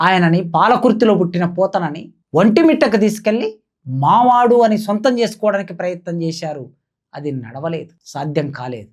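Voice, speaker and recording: Woman declaiming rhetorical questions. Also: on the low side. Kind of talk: impassioned spoken commentary.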